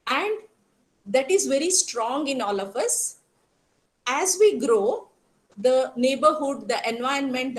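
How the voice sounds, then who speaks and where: A woman from Karnataka with a strong South Indian accent, teaching an interactive online class, explaining haltingly and putting questions to students. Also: high voice, poor audio. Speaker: college teacher.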